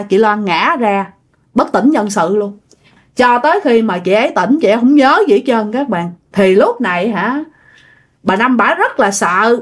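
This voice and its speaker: A woman telling a ghost story in a casual, chatty way, talking straight to her listeners. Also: a little high.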